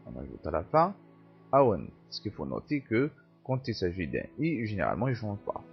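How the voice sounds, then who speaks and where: A man giving a grammar lesson, slowly dictating example words one by one in a halting teaching manner. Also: on the low side, sing-song, vocal fry, lo-fi sound, soft background music. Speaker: language teacher.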